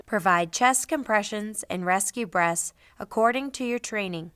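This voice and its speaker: A middle-aged woman narrating a scripted training demonstration in a clearly enunciated, instructional manner. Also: mid-range voice, normal speed, fairly bright tone, no room sound. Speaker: instructor, presenter.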